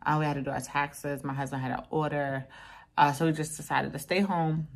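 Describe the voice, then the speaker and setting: Brief: thirties woman, deep voice, chatty vlogger talking to camera at home. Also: fairly even intonation, brisk, creaky. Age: 30s. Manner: chatty, talks straight to viewers. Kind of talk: casual vlog chat. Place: home room, indoors. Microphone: phone or camera at close range.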